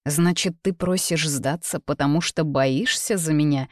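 A man's voice: a little high, a little slow, no echo, studio quality, natural voice. A reader voicing a young man, a persistent and jealous suitor who pleads and turns bitter, in a read-aloud novel. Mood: pleading. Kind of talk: audiobook character reading.

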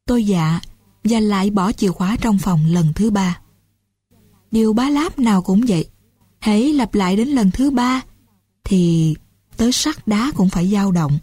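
A woman calmly reading a first-person novel aloud as an audiobook narrator. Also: medium pitch, slightly rough, no room sound.

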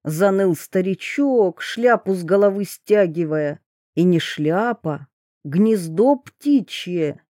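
Measured female audiobook reader for a dark fairy tale, slow and warm. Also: on the low side, animated, no room sound, clean studio sound. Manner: measured, storytelling. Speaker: audiobook narrator.

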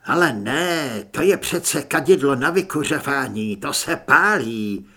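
A man's voice: mid-range voice, lively intonation, a bit bright. A man voicing a cold, reproachful criminal who talks in a clipped way in an audiobook.

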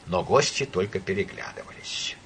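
A man reading an audiobook in a dramatic, expressive way, with a husky voice. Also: low-pitched, normal speed, a little hiss or hum. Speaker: audiobook narrator.

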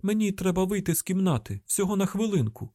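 A tense young woman FBI agent barks urgent orders in a high, strained voice, as a male audiobook narrator puts her on. She speaks with a Ukrainian accent, and the recording is dry and close. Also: big pitch swings, quick pace, no echo. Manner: urgent shouted commands. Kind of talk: audiobook character voicing.

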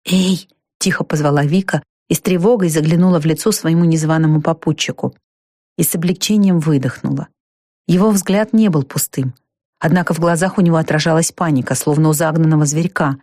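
A woman reading a storybook aloud in a steady, even narrating voice. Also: low-pitched, brisk, dry recording, clean studio sound. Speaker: audiobook narrator.

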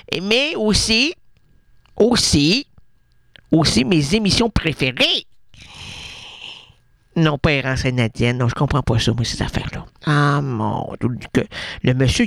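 A man's voice: high-pitched, fairly bright tone, dry recording, clean studio sound, exaggerated voice. A man voicing a chatty, nosy older woman radio listener with a Québécois accent, rambling and interrupting herself in a radio comedy sketch. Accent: Québécois French. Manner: rambling, gossipy, self-interrupting.

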